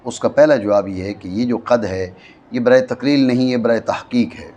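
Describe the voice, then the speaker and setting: A man with a Pakistani Urdu accent teaching a classroom grammar lesson, explaining slowly and often checking that his students follow. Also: medium pitch, darkish tone, highs cut off. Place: madrasa classroom.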